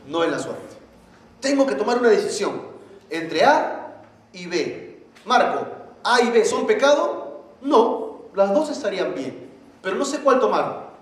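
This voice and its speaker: A man preaching a sermon as pastor, animated and often asking the congregation questions. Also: high-pitched. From Peru. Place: church hall. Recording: very echoey church hall, faint noise.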